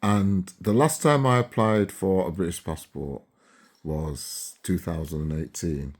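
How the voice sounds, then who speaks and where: A vlogger in his seventies, originally from Barbados, chats casually to camera and frequently checks in with viewers. His voice is low and his pace measured.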